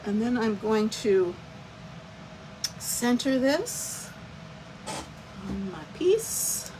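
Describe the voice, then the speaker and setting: A woman's voice: fairly high pitch, sing-song, extremely slow, noisy background. Chatty woman teaching a craft live. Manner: chatty, greets viewers by name mid-demo. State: has the hiccups. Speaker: craft instructor.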